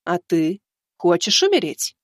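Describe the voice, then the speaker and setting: A man's voice: high voice, wildly swooping pitch, a bit bright, no echo, clean studio sound, voice pushed up, heavily acted. Man voicing a stern towering divine judge. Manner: slow, measured, commanding pronouncements.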